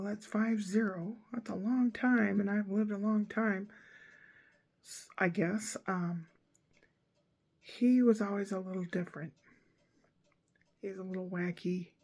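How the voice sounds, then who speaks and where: Woman, 60s, gravelly mid-pitched voice, blunt and rambling, casual emphatic rant. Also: a little mellow. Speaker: vlogger.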